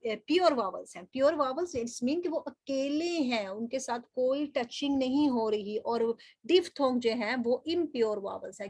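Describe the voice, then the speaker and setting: Woman lecturing on linguistics, fairly high voice, asks questions then answers them, dry close sound. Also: darkish tone, no echo. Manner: explanatory, asks rhetorical questions, directs students to underline. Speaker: linguistics teacher. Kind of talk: recorded lecture.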